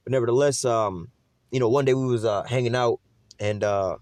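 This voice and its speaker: A man's voice: mid-range voice, fairly quick, darkish tone, no echo. A middle-aged man preaching informally, rambling with loads of fillers and slang.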